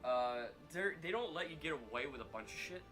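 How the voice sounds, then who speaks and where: A man's voice: fairly high pitch, animated, fairly quick, pushed and bright, faint music behind. A man chatting casually while streaming a game, rambling, swearing and laughing as he tells a story. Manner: rambling, profane, laughs mid-sentence.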